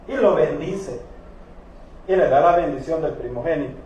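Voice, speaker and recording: A man's voice: fairly high pitch, moderate pace, dark tone, muffled recording. A man preaching in church, telling stories playfully and voicing the characters himself. The sound is echoey, from a church hall, with faint noise in the background. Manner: storytelling with humor, acting out biblical figures. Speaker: pastor. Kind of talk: sermon.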